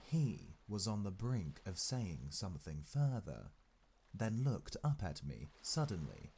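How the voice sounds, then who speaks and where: A man narrates a classic novel in a low, unhurried voice. He takes the text phrase by phrase with frequent pauses, and his pitch moves freely as the story unfolds. There is faint noise beneath the reading. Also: sing-song, mellow, breathy edge. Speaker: audiobook narrator.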